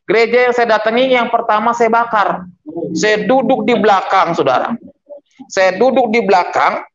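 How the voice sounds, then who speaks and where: A middle-aged man preaching as a pastor, telling his conversion story in a lively storytelling manner and acting out the dialogue. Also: sits high, moderate pace, highs cut off. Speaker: pastor giving testimony. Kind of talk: storytelling testimony sermon.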